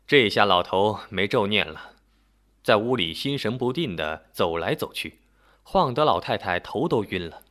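A man narrating a folk story in an expressive, animated telling. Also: lowish voice, moderate pace.

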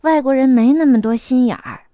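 A woman's voice: high voice, a little fast, warm tone, dry recording, clean studio sound, close to an everyday voice. A woman voicing a wry man who explains himself in a hurry. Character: wry, worried man in a divorce.

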